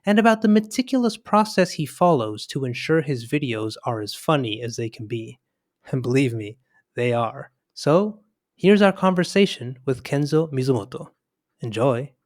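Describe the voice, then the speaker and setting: A man hosting a podcast, reading an upbeat introduction, then asking questions with friendly stammers. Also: medium pitch. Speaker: podcast host. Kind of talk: scripted intro, then interview chat.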